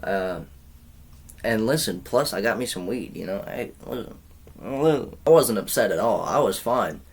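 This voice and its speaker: A man's voice: fairly low pitch, lively intonation, measured pace, slightly rough. A young man in his twenties telling a rambling, profane storytime, heavy on slang and filler. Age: 20s. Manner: rambling, profane, slangy, says bro a lot. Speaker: vlogger. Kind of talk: casual storytime chat.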